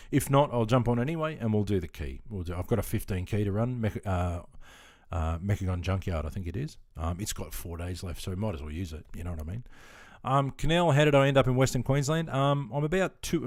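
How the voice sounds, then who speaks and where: The voice is lowish with a darkish tone, captured at studio quality and free of echo. It belongs to a middle-aged Australian man casually chatting with his live stream viewers, um-ing a lot and calling them mate over and over.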